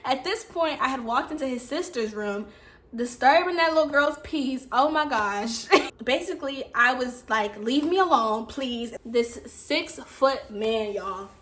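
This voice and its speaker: High, bright-voiced young woman storyteller. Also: expressive, measured pace. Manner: dramatic, acts out quotes loudly. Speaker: storytime vlogger. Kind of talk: animated storytelling.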